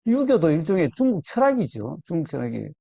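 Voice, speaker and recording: A man teaching Buddhist meditation in a slow, deliberate way, repeating his key words and putting questions to his listeners. His voice is mellow and his pitch moves a lot. The recording is dry and sounds lo-fi. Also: huge pitch swings, vocal fry, no room sound. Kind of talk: dharma talk to a small group.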